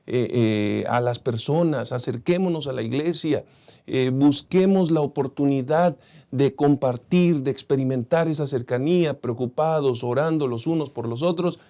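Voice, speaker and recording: A man's voice: medium pitch, moderate pace. A man with a Mexican Spanish accent, hosting a church lesson program and giving an encouraging pastoral closing. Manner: warm pastoral wrap-up, encouraging. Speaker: program host.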